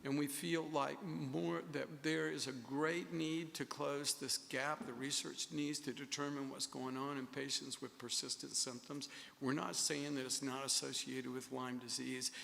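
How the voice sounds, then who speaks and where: A male public health official speaking in a measured, hesitant way at a formal meeting. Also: medium pitch, little pitch movement, gravelly, a bit bright, in a large hall. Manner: measured, hesitant, many fillers.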